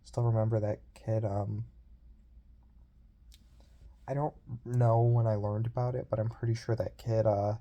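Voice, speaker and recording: A young man talking through a personal video diary in a reflective, rambling way, with many fillers and pauses. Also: fairly low pitch, level tone, muffled recording. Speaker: video journal host.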